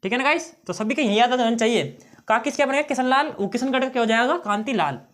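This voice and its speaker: A man's voice: very high-pitched, expressive, fast, fairly bright tone. A male teacher giving an exam-prep lesson on memory tricks, often checking in with his students and repeating key phrases.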